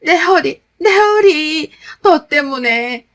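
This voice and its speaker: A woman voicing a cranky older mother-in-law who scolds loudly and whines in blame. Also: animated, slow, heavily acted. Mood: whining blame. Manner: shrill, loud scolding and complaining.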